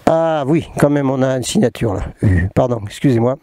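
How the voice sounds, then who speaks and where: A man's voice: medium pitch, fairly quick, warm tone, dry recording. Rambling, jokey man. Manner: jokey, self-mocking, rambling with many restarts. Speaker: spiritual channeler hosting a talk. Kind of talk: casual spoken talk mixing reading and asides.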